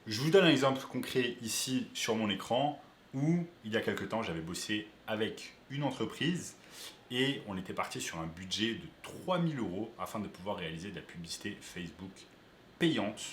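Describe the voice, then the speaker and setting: A man's voice: fairly low pitch, expressive, normal speed, reverberant, a little hiss or hum. A man who coaches online business, explaining step by step to viewers during a screen-share tutorial.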